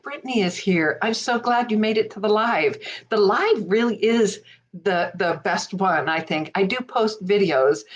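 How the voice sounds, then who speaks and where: A woman's voice: mid-range voice, lo-fi sound. A woman hosting a casual live stream from her home desk, greeting viewers by name with lots of fillers. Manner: chatty, warm greetings, many fillers.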